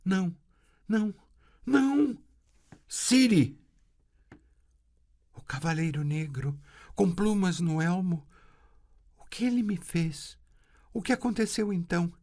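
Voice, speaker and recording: A man's voice: high-pitched, animated, takes it slowly, pauses often, darkish tone, voice pushed up, heavily acted. A man voicing a young girl in a trance who cries out in panic and pleads. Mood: panicked.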